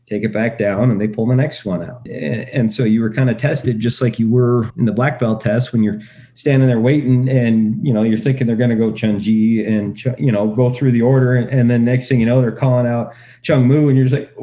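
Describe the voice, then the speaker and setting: A man's voice: mid-range voice, steady tone, brisk, warm tone. A man who went through fire academy, telling stories in a casual interview in short listed bursts. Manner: storytelling, lists in short bursts. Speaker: guest, former firefighter trainee. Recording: dull lo-fi audio.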